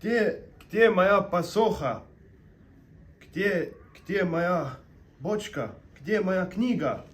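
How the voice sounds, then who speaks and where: A woman voicing a lost, despairing old man who laments slowly. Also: fairly low pitch, lively intonation, pitched below the performer's own voice. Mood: lamenting. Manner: slow, lamenting.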